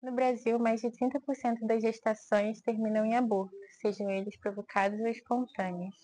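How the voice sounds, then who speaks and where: A woman's voice: fairly high pitch, level tone, normal speed, mellow, poor audio. A woman reading a scripted narration of statistics.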